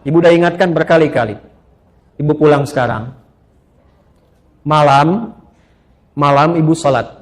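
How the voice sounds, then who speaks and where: A middle-aged man preaching to women, telling stories with sudden rises and soft asides. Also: a little high. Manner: animated storytelling with rising exclamations and soft asides. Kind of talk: sermon to women.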